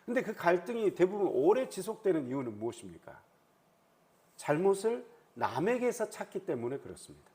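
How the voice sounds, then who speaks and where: A male pastor preaching at an early morning prayer meeting in a high, lively voice that rises and falls widely. He keeps acting out what people in the story say. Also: fairly quick. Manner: animated, acts out quoted speech.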